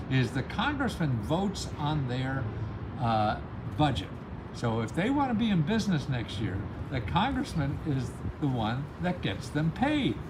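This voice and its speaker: A man on the high side of the pitch range runs a grant-help advice channel, speaking casually and ramblingly in a motivational style. He talks emphatically and chuckles often at his own remarks, with background noise audible.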